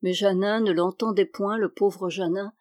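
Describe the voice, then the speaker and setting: A woman's voice: medium pitch, fairly even intonation, normal speed, darkish tone, no echo. Woman reading a novel, dry close sound. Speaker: audiobook reader. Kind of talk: reading a historical novel aloud.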